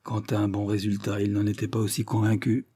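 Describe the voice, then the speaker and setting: A man narrating a classic novel as an audiobook, in a measured, even delivery. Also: fairly low pitch, breathy edge.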